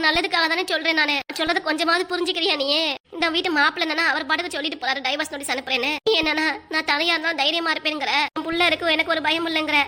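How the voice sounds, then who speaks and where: Brief: woman playing a fretful cartoon mother with a Kanyakumari Tamil accent, high and fast. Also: little pitch movement, bright, forceful tone. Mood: pleading. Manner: pleading, lamenting. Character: anxious village mother, middle-aged, pleading and lamenting. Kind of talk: cartoon voice acting.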